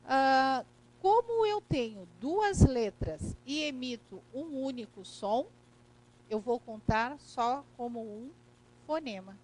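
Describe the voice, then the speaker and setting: A woman with a Brazilian Portuguese accent gives a recorded grammar lesson, explaining things step by step and checking in with "né?" and "correto?". Her high-pitched voice is a little mellow, with lively intonation and an unhurried pace. The recording quality is low.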